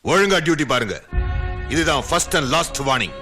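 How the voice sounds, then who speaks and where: An actor playing a stern, scolding senior police officer in a film. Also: male voice, on the high side, big pitch swings, unhurried, music in the background. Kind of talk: film acting.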